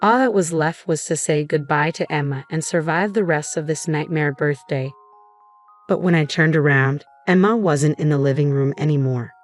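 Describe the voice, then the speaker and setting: Young adult woman narrator, low voice, steady dramatic storytelling over faint music. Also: normal speed. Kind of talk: scripted first-person story narration. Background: faint background music.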